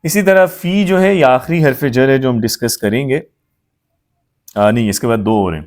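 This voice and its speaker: A man teaching an Arabic grammar lesson at an everyday pitch. His delivery is patient and methodical, and he goes back over each word form step by step. He keeps stopping to make sure the learner is following along. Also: darkish tone. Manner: patient, repeats forms, checks understanding often.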